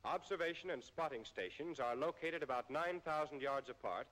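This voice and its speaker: An American man narrates in the formal manner of a 1940s military training film, his voice a little high and a bit bright, delivering measured, precisely enunciated sentences. It sounds like an old film soundtrack with a long reverberant tail.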